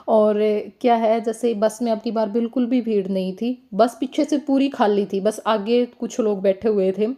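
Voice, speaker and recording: A young woman with a Haryanvi accent, chatting in a casual travel vlog and explaining things slowly with lots of fillers. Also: medium pitch, warm tone. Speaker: vlogger.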